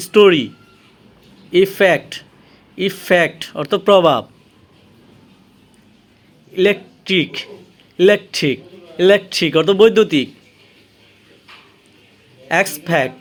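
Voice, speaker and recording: A man with a Bangladeshi accent teaching English vocabulary, saying each word slowly and repeating it with its meaning. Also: high voice, fairly bright tone.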